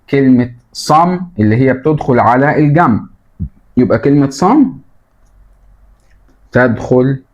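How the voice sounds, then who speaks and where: A man's voice: mid-range voice, darkish tone. An Egyptian man teaches English to young pupils, talking them through textbook exercises. He repeats key words and quizzes them as he goes, in a mid-range voice. The recording sounds a little muffled. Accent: Egyptian Arabic. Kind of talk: explaining textbook exercises to children.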